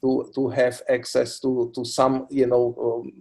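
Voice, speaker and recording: A middle-aged man from the Republic, a cancer doctor answering interview questions in a halting way, full of "you know" fillers. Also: medium pitch, monotone, gravelly, dark tone. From Czech Republic. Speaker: oncologist guest. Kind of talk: expert interview.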